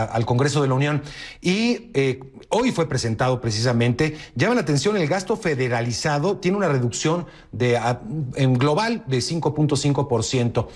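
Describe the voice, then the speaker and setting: A man hosting a television news interview, asking polite, formal questions. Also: medium pitch. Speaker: news anchor.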